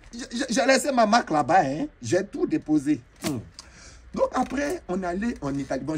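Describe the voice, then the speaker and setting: A man's voice: mid-range voice, a little hiss or hum, lightly acted. A man with an Ivorian French accent playing a flamboyant, boastful female braider chief who tells comic tales and slips into broken English. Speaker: comedian. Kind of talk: comic monologue in character.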